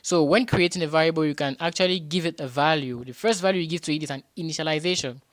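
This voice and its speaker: A man tutoring beginners in programming, patiently repeating each point and often pausing with hesitations and restarts. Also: fairly high pitch, dry recording. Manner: patient and repetitive, restates points with rhetorical questions.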